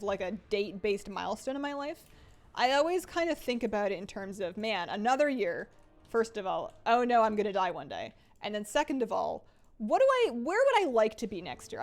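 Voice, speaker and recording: A woman in her late twenties chatting casually on a live game stream, reading chat and joking about herself. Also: a little high. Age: 20s. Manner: chatty, self-deprecating, reads chat aloud.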